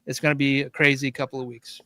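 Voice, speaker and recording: Bright, eager man pitching his product. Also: flat delivery, fast talker, dry recording. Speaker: guest toy creator. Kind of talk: casual livestream chat.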